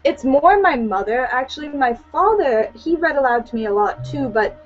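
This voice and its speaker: A teenage student from Hawaii chats informally as a guest on a video call from a small room at home, peppering her speech with "like" and "you know." Her voice is high with lively intonation at a normal pace. The computer audio sounds dull and lo-fi.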